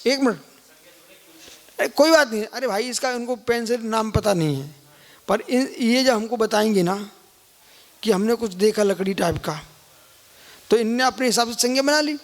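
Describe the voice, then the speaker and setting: A man's voice: extremely high pitch, moderate pace, pauses often. A man, a Jain monk, giving a live scripture lecture and keep prodding listeners with questions. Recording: long hall reverb.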